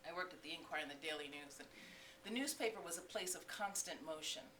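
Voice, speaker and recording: A middle-aged woman reading from her own book to a live bookstore audience, breaking into animated, laughing asides. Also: fairly low pitch, fast. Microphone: distant room mic. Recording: echoey room, mic far off, faint hiss.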